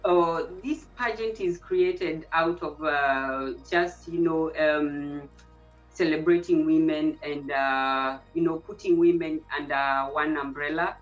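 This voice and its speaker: A woman from Kenya in her thirties, a pageant contestant answering interview questions with many pauses and fillers. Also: deep voice, lo-fi sound, soft background music. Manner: hesitant, many fillers and restarts.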